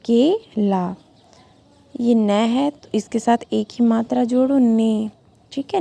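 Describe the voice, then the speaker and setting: Schoolteacher, female, slow and deliberate, a bit high, asks young pupils questions as she reads. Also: gravelly, dark tone. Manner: patient, sounds out syllables slowly and asks the class questions. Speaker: school teacher. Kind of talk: reading lesson for young children.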